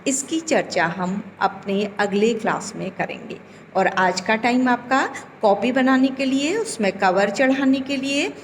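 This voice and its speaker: A woman teacher talks to schoolchildren at a very slow, patient pace, stretching out sounds and stopping to quiz the class. Her voice rings with a long reverb, and a faint background hiss sits beneath it. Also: mid-range voice. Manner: slow, deliberate, drawing out vowels and asking questions to the children. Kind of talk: recorded online class lesson. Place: home.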